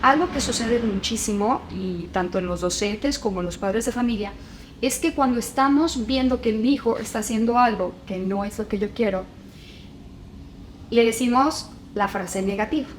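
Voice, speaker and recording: A woman, a parenting expert explaining calmly and acting out commands to children. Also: fairly high pitch, moderate pace, slight background noise, low-quality recording. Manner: didactic, acts out commands to children. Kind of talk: explanatory conversation.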